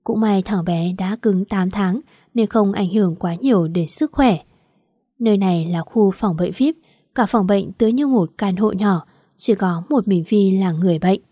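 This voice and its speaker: Mellow woman reading a story. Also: mid-range voice, moderate pace, dry recording, clean studio sound. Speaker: narrator. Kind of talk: audiobook story narration.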